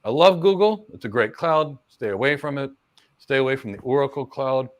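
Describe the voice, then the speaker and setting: In a relaxed live Q&A, a middle-aged man who works as a career coach responds to viewers' questions at medium pitch. His explanatory talk flows confidently in long stretches, with repeated words and brief asides.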